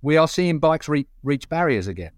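A man's voice: on the high side, sing-song, normal speed, no echo. Give me a middle-aged Essex man, an emphatic, plain-spoken pundit, recorded dry. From Essex, England. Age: middle-aged or older. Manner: blunt, colloquial, emphatic. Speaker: motorcycle racing pundit. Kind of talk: opinionated casual panel talk.

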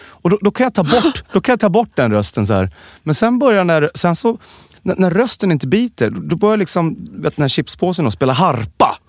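A man co-hosting a podcast, telling stories in a joking, animated way. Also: sits high, no room sound, studio quality. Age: adult with children. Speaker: podcast co-host. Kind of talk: casual podcast chat.

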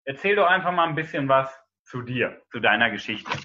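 A man's voice: mid-range voice, animated, fairly quick, sharp tone, lo-fi sound, slight background noise. A man hosting an interview, enthusiastic as he introduces his guest. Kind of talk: casual interview talk.

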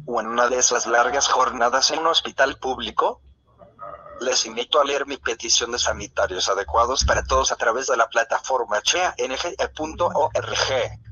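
A man's voice: mid-range voice, sharp tone, dull audio, a little hiss or hum. A male synthesized voice, like an old speech synthesizer, reading a prepared speech in a robotic, formal way.

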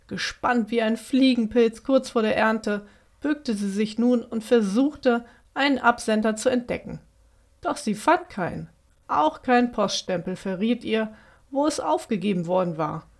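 A woman reading a children's story aloud in a gentle, expressive storytelling manner. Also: on the high side, unhurried.

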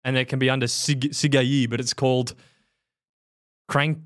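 A man's voice: medium pitch, level tone, normal speed. A man co-hosting a cycling podcast, talking in blunt, casual chat and laughing often. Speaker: podcast co-host.

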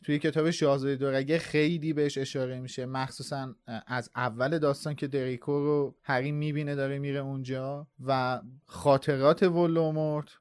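A man co-hosting a book podcast, explaining in an animated, casual chat. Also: medium pitch, hardly any pauses, clean tone, no room sound. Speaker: podcast co-host.

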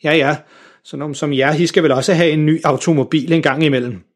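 A stiff, condescending old lady neighbor sniffs down her nose at everyone, as a man puts her on in a storybook reading. Her voice sits raised and a little husky, sour even when she tries to smile. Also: fairly high pitch, close to an everyday voice. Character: snooty sour older woman neighbor.

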